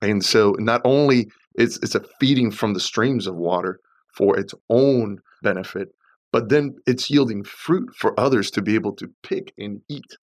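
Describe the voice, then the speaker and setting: A man on a church panel, telling a childhood story in a reflective way and filling his pauses with "uh". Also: lowish voice. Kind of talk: conversational church podcast discussion.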